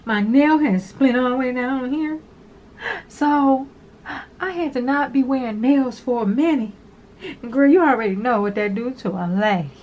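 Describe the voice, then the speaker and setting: A woman's voice: on the high side, darkish tone, muffled recording. Chatty woman doing a home nail vlog. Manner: talkative, addresses viewers as "girl"; rambling, repeats herself. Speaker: nail tutorial vlogger. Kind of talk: casual chatty tutorial. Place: small home room with an overhead fan. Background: fan hum.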